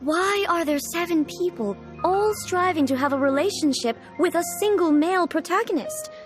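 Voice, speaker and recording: A woman's voice: very high voice, expressive, moderate pace. A woman playing a dignified, reclusive ruler in a video game, speaking formally and pensively with earnest, naive puzzlement. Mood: pensive, curious. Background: game music.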